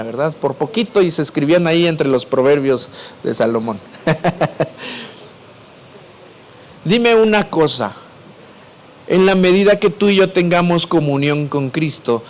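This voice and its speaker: A man's voice: a little high, animated, takes it slowly, pauses often, slight background noise. A male preacher with a Mexico City Spanish accent, giving a sermon and asking the congregation questions before answering them himself. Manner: swings between raised and dropped voice.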